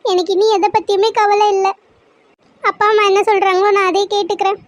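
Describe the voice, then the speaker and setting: A woman's voice: very high-pitched, flat delivery, fairly quick, dry recording. A woman voicing a heartbroken young woman in a cartoon serial, tearful and pleading. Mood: bitter.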